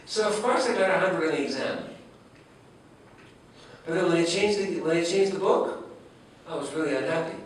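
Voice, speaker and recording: A man's voice: a little high, normal speed, long pauses. Man lecturing in an echoey hall. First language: French. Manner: engaging, asks the audience rhetorical questions. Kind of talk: humorous academic lecture. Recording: echoey hall, distant mic, faint ambience.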